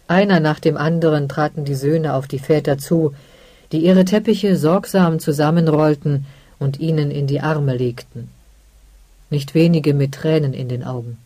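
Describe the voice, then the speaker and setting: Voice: medium pitch, no room sound. Ruhiger Hörbuchvorleser mit dunklem Klang. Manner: calm, measured storytelling. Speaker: audiobook narrator. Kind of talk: scripted narration.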